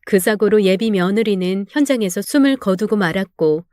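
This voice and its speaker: A woman's voice: mid-range voice, normal speed, dark tone, no room sound, clean studio sound. A woman narrating a real-life story in the first person, with an emotional, dramatic delivery.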